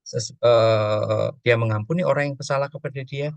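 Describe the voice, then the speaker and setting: Pastor, male, gravelly voice, dry close sound, storytelling teacher who acts out prayers. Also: medium pitch, moderate pace, dry recording. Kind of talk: teaching session on emotions and prayer.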